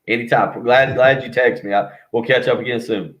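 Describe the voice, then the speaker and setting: A man's voice: mid-range voice, fairly even intonation, normal speed, fairly bright tone. A man talking casual sports as a guest over the phone, rambling and interrupting himself. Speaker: radio host as call-in guest. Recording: muffled phone line.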